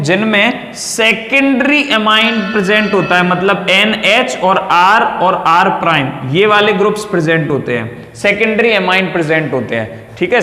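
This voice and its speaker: Male chemistry tutor, high voice, repeats terms, checks in with students; echoey classroom with a long tail, mic off at a distance. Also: a bit bright. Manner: repeats key terms, calls students "beta", checks understanding often. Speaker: chemistry teacher. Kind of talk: classroom lecture at a whiteboard. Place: classroom or studio with a whiteboard. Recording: echoey room with long reverb.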